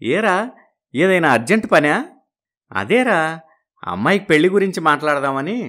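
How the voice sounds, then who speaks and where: Brief: man, slightly raised pitch, gentle fatherly story voice. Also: expressive, normal speed. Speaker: voices male characters. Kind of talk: story character dialogue.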